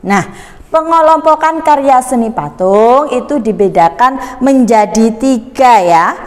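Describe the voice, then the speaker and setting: A woman primary teacher speaks in a slightly high voice. She explains slowly to children, prompting them with questions. The recording rings with long reverb. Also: lively intonation.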